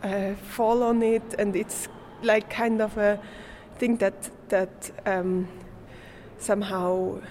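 A young Swiss woman, German her first language, answers in English at a slow pace. She hesitates often and hunts for words. A faint hiss sits under her voice. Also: mid-range voice, flat delivery, darkish tone. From Switzerland. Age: young adult. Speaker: guest artist. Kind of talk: interview answers.

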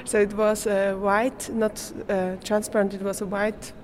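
A young Swiss woman, German her first language, answers in English at a slow pace. She hesitates often and hunts for words. A faint hiss sits under her voice. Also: medium pitch, little pitch movement. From Switzerland. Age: young adult. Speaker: guest artist. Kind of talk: interview answers.

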